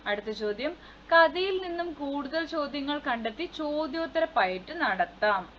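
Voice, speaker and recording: A woman's voice: high-pitched, lively intonation, unhurried. A woman teaching a children's textbook lesson, reading the story aloud and explaining it in simple words. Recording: slightly dull sound with faint noise.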